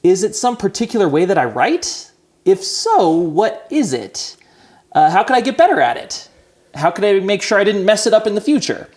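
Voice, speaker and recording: A man in his thirties hosts a podcast, his high, darkish voice swinging widely in pitch at a moderate pace. He reads a scripted opening, then chats with guests in a wry, self-deprecating way.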